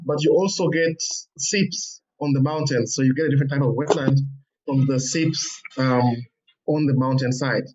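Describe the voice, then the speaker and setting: A man's voice: mid-range voice, fairly even intonation, moderate pace, a little mellow. A man giving an informative contribution in an online webinar. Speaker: workshop participant. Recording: dull, distant online call microphone.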